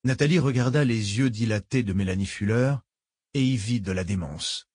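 A man reading an audiobook as narrator, measured storytelling. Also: on the low side, darkish tone, no room sound, clean studio sound.

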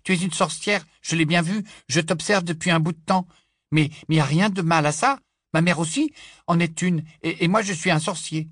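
A man's voice: a little high, wildly swooping pitch, measured pace, few pauses, bright, forceful tone, no echo, studio quality, pitched above the performer's own voice, heavily acted. Rogue, stammering awkward boy as a man voices him. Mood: insistent. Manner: stammering, nervous, eager.

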